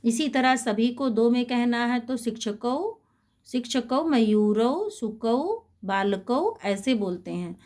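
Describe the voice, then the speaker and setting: A woman teaching a Sanskrit lesson to schoolchildren. She is patient and spells out words slowly, repeating them. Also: fairly high pitch, lively intonation, a little mellow. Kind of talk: slow explanatory lesson for schoolchildren.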